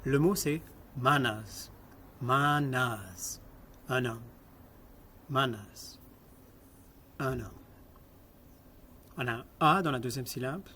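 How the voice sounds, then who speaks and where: A man's voice: mid-range voice, slow, long pauses, bright, forceful tone, slight background noise. A man lecturing on linguistics, explaining step by step, asking the class questions and repeating example words.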